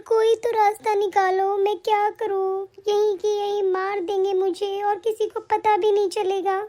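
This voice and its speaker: A woman voicing a wronged young wife and mother in an animated cartoon, defiant and aggrieved. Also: very high-pitched.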